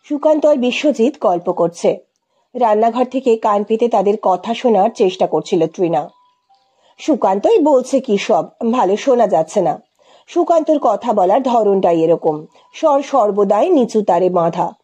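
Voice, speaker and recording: Breathy woman narrating a story. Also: medium pitch. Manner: measured, expressive reading.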